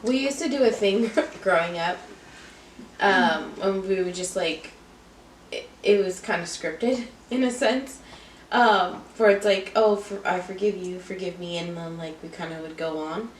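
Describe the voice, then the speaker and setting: A woman's voice: lowish voice, unhurried, a little hiss or hum. A woman hosting a casual group discussion about faith, speaking reflectively and personally and putting questions to the others. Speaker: host of a group chat. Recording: roomy echo, distant mic.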